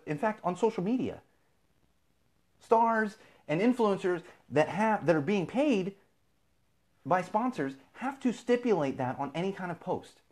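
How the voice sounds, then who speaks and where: A man's voice: sits high, a little mellow. A man from Southern California hosting a live feed, ranting casually and with exasperation, swearing freely. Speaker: podcast host.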